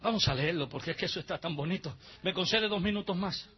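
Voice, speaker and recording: Male pastor, high breathy voice, dramatic sermon delivery, muffled church recording. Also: quick pace. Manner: dramatic preaching, swinging from hushed to shouted. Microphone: handheld mic.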